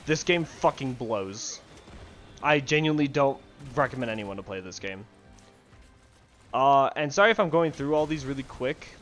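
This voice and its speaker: A young adult man with a medium-pitched, slightly bright voice rants casually to camera about games he dislikes, speaking at a moderate pace with lively intonation. He's profane, rambling and sarcastic, recorded on a headset mic in his bedroom with faint music in the background.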